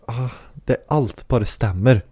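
A Swedish man co-hosting a casual chat, animated and joking, often restarting his sentences. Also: medium pitch, breathy edge, dry recording, clean studio sound. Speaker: podcast co-host.

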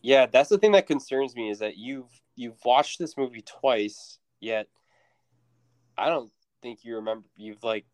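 A man co-hosting a casual movie podcast, animated and laughing as he retells scenes. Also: mid-range voice, unhurried, no room sound. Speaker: podcast co-host.

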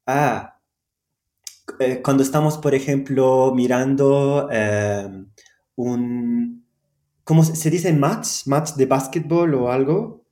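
Slow, mellow-voiced man, native Arabic speaker. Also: mid-range voice, roomy sound. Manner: hesitant, many fillers, laughs often. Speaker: Arabic teacher guest. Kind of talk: conversational interview.

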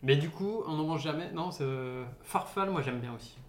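A man's voice: on the high side, brisk. A young man chatting casually as a podcast co-host, rambling playfully with lots of fillers. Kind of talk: casual chat among friends. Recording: roomy echo, faint noise.

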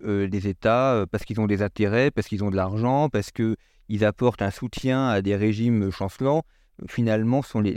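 A man's voice: medium pitch, darkish tone, no echo. A man interviewing a guest, carefully rephrasing the guest's point into a question.

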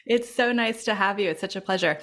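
Woman podcast host with mid-pitched voice. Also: fairly quick, a bit bright. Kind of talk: scripted introduction and interview.

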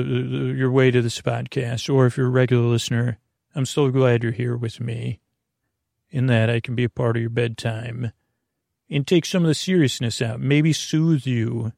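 A middle-aged sleep podcast host with a gravelly, creaky voice at ordinary pitch drifts slowly through a goofy bedtime ramble, interrupting himself and wandering off topic. His intonation is fairly even and a little mellow, recorded dry and close with no surrounding room.

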